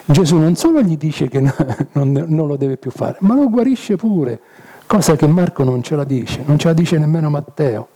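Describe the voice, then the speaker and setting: A man's voice: a little high, animated, normal speed, dark tone. A man teaching an informal Bible study, chatty and jokey, tossing in rhetorical "eh?" asides.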